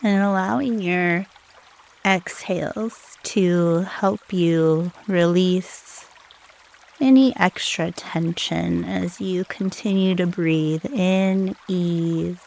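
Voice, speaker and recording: This guided meditation is led by a woman with a lowish, darkish voice and vocal fry. She speaks calmly and without hurry, pausing at length between short phrases.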